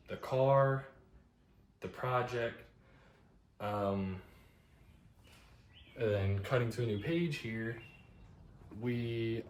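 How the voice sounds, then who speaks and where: A nineteen-year-old man rambling casually in a monotone for his vlog, tired late at night. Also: lowish voice, slight background noise. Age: young adult. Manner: self-described monotone, relaxed and rambling. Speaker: vlogger.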